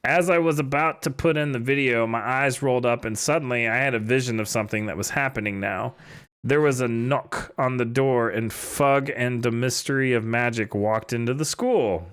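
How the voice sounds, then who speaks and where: A man's voice: mid-range voice, moderate pace, fairly bright tone, clean tone. A man reading bad fan fiction aloud for laughs, breaking off for mocking, sarcastic asides. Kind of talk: comedic dramatic reading with commentary.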